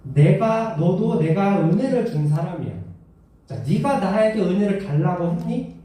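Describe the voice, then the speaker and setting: A man voicing God as a patient, loving father who asks gentle rebuking questions, in a sermon. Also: fairly high pitch, natural voice. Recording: echoey hall, mic far off.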